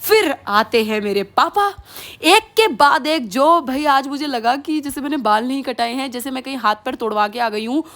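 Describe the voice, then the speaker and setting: A young woman in her twenties tells a story over her vlog footage with animated energy, voicing the scolding she got and mixing in quick English phrases. Her voice sits a little high for a woman. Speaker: vlogger. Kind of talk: casual vlog voice-over narration.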